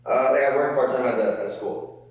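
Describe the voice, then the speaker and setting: A man's voice: medium pitch, a little fast. A young man co-hosting a podcast, chatting casually and rambling with lots of fillers. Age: young adult. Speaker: podcast co-host. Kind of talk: casual chat. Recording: echoey room, far from the mic.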